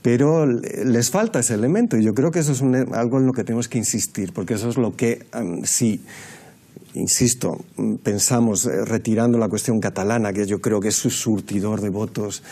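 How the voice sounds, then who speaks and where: Panelist man, low mellow tone, deliberate lecturing debate analysis with pauses. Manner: measured, lecturing, many hesitations. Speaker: political panelist.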